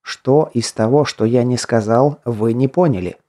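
A man's voice: mid-range voice, normal speed, warm tone, natural voice. A man voicing a stern nobleman and former detective who gives curt, commanding orders in an audiobook.

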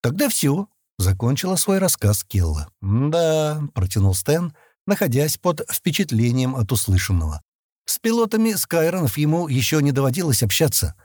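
A male audiobook narrator telling a science fiction story. His voice is somewhat husky and moves in a lively melodic way. The sound is dry and close to the mic. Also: mid-range voice, a little fast, no room sound. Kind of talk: scripted narration.

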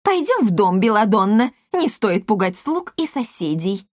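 A woman voicing a hot-tempered wealthy mother with loud, shrill outbursts. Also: very animated, moderate pace, dry recording, studio quality. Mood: bossy.

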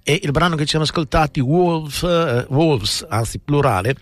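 A man's voice: fairly high pitch, lively intonation, fast talker, fairly bright tone. A man hosting a radio music show, speaking casually with frequent hesitations and self-corrections. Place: radio studio.

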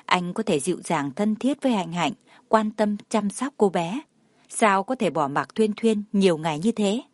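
A woman's voice: mid-range voice, darkish tone, no room sound. Woman narrating a story, dry sound. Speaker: audiobook narrator.

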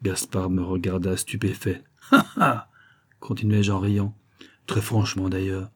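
A man reading a nineteenth-century novel aloud, narrating expressively and raising his voice for the shouted dialogue. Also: low-pitched, little pitch movement, unhurried. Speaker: audiobook reader. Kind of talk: dramatic audiobook narration.

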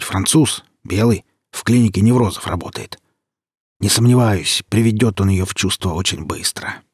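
A man voicing a smooth, persuasive helper, easygoing and talkative. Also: fairly low pitch, dry recording, studio quality. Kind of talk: audiobook character reading.

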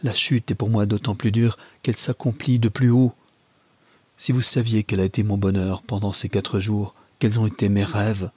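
A man's voice: on the low side, little pitch movement, moderate pace, dark tone, husky, dry recording. A man voicing an ardent young lover who pleads with impassioned reproach.

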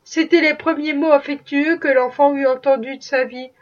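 High-voiced woman reading a novel. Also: steady tone, moderate pace. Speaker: audiobook reader. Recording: dull distant recording.

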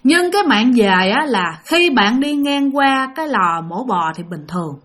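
A woman's voice: high-pitched, expressive, unhurried, a bit bright. A woman telling a ghost story, speaking dramatically and addressing listeners directly. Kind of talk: spoken ghost story narration.

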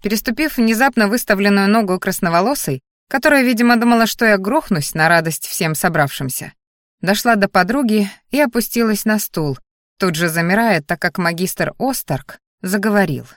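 A woman reads a fantasy audiobook in the first person, with a wry, expressive delivery. Her voice sits at a middle pitch. The recording is dry and close, with no room sound. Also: normal speed, no echo. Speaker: audiobook narrator.

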